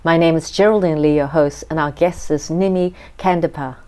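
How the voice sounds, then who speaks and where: A woman with a low voice hosting an interview. She asks questions gently and keeps her guest going with frequent murmurs of agreement. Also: fairly even intonation, normal speed. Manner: encouraging, frequent listening murmurs. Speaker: host.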